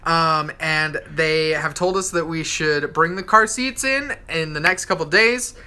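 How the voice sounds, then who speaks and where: A young man hosting a live vlog, chatting casually with playful, animated asides. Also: fairly high pitch, unhurried, smooth. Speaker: vlog host. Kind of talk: casual live-stream chat.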